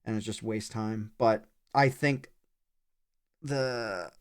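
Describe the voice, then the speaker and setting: A man livestreams a video game, thinking aloud in short, fragmented remarks as he plays. His voice is lowish, steady and slow. Background noise and clicking are clearly audible.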